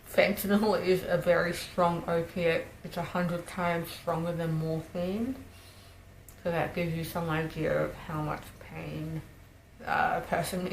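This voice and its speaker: A woman vlogger telling a personal story in a casual, conversational way. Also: fairly low pitch. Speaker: vlogger recovering from jaw surgery. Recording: roomy echo, faint background noise.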